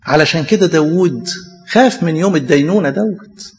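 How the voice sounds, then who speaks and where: A man's voice: fairly high pitch, a little fast. A man with an Egyptian Arabic accent preaching a sermon, emphatic, asking rhetorical questions and answering them himself. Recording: echoey hall, dull lo-fi sound.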